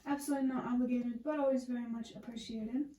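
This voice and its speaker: Mellow, even-toned young woman. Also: fairly high pitch, fast talker. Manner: gentle, reassuring, chatty. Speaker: tarot reader. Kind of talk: casual tarot reading to camera.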